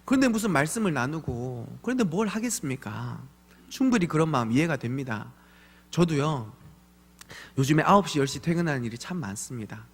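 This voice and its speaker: A man in his thirties preaching a church sermon with a fairly high, very lively voice that swoops up and down as he tells stories. He slips into playful acted voices of his kids. Long reverb from the church hall trails behind his words. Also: fairly quick, husky. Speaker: pastor. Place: church sanctuary.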